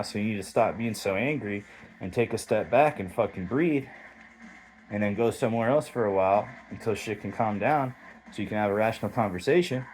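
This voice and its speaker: A man's voice: on the low side, a little hiss or hum, rough recording. A man delivering a heated, rambling, profanity-filled monologue straight to camera as a vlogger.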